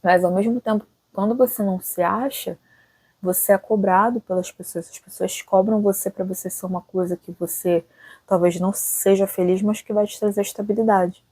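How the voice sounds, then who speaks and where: She's a channel host in her late twenties, musing casually in a reflective vlog and often closing sentences with little questions. Her husky, dark voice sits at medium pitch with a steady tone and moderate pace, and the recording is dry.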